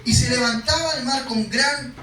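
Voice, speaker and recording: In an echoey hall, far from the microphone and with slight hiss or hum, a male pastor speaks at a moderate pace in a very high, bright, forceful voice. His sermon moves from reading scripture aloud to a conversational explanation, occasionally acting out the story's cries.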